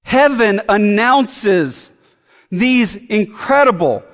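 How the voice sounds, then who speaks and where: Male preacher, high-pitched, emphatic repetition, reverberant hall. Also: lively intonation, extremely slow, a bit bright. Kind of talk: sermon.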